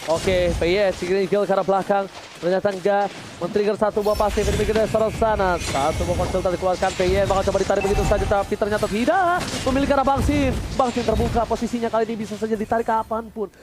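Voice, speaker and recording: Very high-pitched Indonesian man shoutcasting. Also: fast. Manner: excitable, playful, English catchphrases mixed in. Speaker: esports shoutcaster. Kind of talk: live play-by-play game commentary. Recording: loud game music behind. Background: loud game music.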